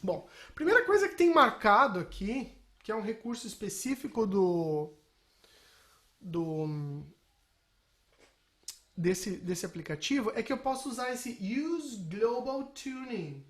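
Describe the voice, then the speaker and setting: Taking it slowly with lively intonation, a woman whose voice is somewhat high walks listeners through software in an informal lesson, much like a music technology teacher. Brief tag questions pop up often as she checks they're following.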